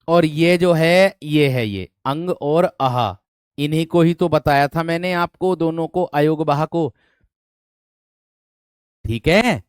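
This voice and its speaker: A man's voice: fairly high pitch, smooth, dry recording. A male teacher running an online exam-prep class, calling students "my friend" and repeating questions to drill them. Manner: addresses students as "my friend", asks for thumbs up.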